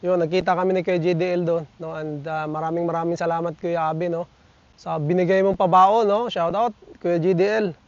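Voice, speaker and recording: High-voiced chatty man vlogging outdoors. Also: no room sound, highs cut off. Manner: chatty, peppers lines with tag questions, addresses viewers as buddies. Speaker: vlogger reading viewer comments. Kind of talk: casual vlog chat. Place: outdoors in nature.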